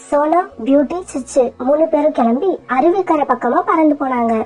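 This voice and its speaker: A woman's voice: high-pitched, darkish tone. A woman narrating a children's cartoon story in a plain storytelling way.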